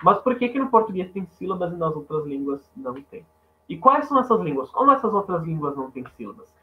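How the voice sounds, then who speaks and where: Male teacher, fairly high voice, lively rhetorical lecturing, tinny phone-like sound. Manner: animated, asks the class rhetorical questions. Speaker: Portuguese teacher. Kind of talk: online class lecture. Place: home, online class.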